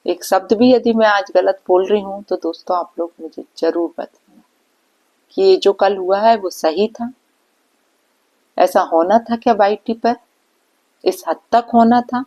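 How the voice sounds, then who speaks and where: A woman's voice: mid-range voice, unhurried, pauses often, dark tone, rough recording. A woman vlogger giving a reaction commentary, scolding and indignant, firing off rhetorical questions. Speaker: vlogger reacting to online drama.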